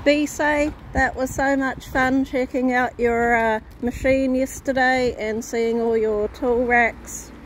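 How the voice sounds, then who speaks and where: A woman vlogging outdoors while walking her dogs, chatting in an easy, unhurried way to viewers and her pets, recorded on a handheld phone. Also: high-pitched, steady tone, slight background noise. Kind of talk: casual walk-and-talk vlog. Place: outdoors on suburban streets. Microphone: phone camera held while walking.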